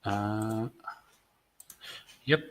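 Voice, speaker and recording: A lowish, fairly flat male voice hosts a casual online webinar, stopping and restarting often with fillers as he reads out questions and clicks through a demo. The sound is dry and close, recorded on a desk mic. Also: no echo. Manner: halting, many fillers and repeated words, reads out attendee questions. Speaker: webinar host answering product questions.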